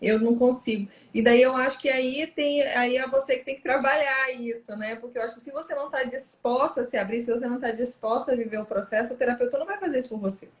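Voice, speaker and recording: Woman, Brazilian accent, emphatic, animated, echoey room. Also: fairly high pitch, fast talker, hardly any pauses. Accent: Brazilian Portuguese. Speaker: psychologist. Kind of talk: casual conversation.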